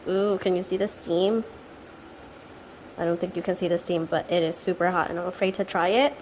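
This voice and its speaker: In her home kitchen, a nail channel host attempts a recipe for a cooking vlog, staying chatty and upbeat while poking fun at her own results. She speaks fairly quickly in a fairly low, darkish voice with fairly even intonation. The audio is poor, carrying a bit of hiss or hum.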